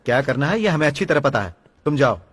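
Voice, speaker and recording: A man dubbing a calm, dry police inspector in a Hindi film. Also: a little high, fast talker, slightly rough. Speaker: police officer.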